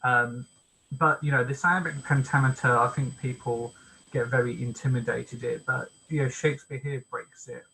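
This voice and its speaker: A man leading a poetry workshop, explaining step by step in a casual lecture style, with many pauses and ums. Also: mid-range voice, fairly even intonation, gravelly, sharp tone, a little hiss or hum, poor audio. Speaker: workshop leader. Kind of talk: informal online workshop lecture.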